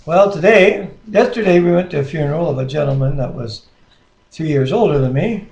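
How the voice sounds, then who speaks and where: A co-host reads the Bible aloud in a casual devotional talk, his voice fairly high, animated, fairly quick, and somewhat dark in tone. He speaks earnestly and plainly. He's captured by a webcam microphone at a distance in an echoey room.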